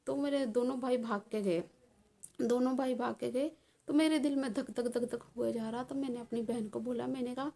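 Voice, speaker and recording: Young woman vlogger, slightly high voice, rambling casual storyteller with lots of fillers. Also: dark tone, a little hiss or hum. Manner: rambling with many fillers and restarts.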